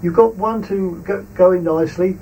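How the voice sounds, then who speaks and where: A man's voice: sits high, steady tone, moderate pace, warm tone. An older man giving informal instruction as a sheepdog trainer, explaining things in a plain-spoken, rambling way. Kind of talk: informal instructional commentary and advice. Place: outdoors in a field. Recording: distant mic, outdoor ambient noise.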